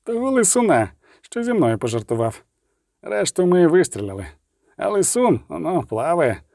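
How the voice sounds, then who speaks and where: A rustic customs officer, as a man puts him on in a storybook reading, folksy and matter-of-fact, pitched a little high, in a dry, close recording. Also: sing-song, normal speed, vocal fry, a little mellow, dry recording. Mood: offhand.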